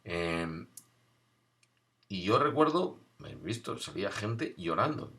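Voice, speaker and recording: Guy, lowish voice, dry funny storytelling, takes his time. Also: very animated, vocal fry, fairly bright tone. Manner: wry, unhurried storytelling with dry humor. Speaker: storyteller recalling his boarding school. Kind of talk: casual spoken recollection.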